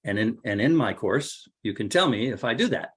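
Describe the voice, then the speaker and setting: A man's voice: medium pitch, moderate pace, breathy edge. A man teaching an online course workshop as a marketing coach, talking casually with many fillers and restarts. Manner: relaxed, conversational, frequent fillers and restarts.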